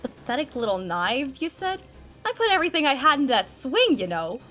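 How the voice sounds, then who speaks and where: A woman's voice: sits high, big pitch swings, a little fast, bright, forceful tone, faint music behind, heavily acted. A woman voicing a bold young female swordswoman, wry and defiant, in a fan reading of a game story.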